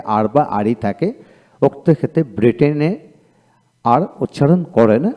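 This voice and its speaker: A man giving a video lecture on English pronunciation, reading word lists aloud and repeating each word twice, with slow, emphatic explanations between them. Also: mid-range voice, a little mellow. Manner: explains rules slowly and emphatically. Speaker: English teacher.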